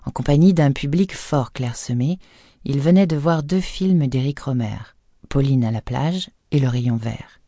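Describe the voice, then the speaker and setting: Woman audiobook narrator, mellow dark tone, measured delivery, dry close studio sound. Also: very deep voice, dry recording. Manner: measured, even storytelling.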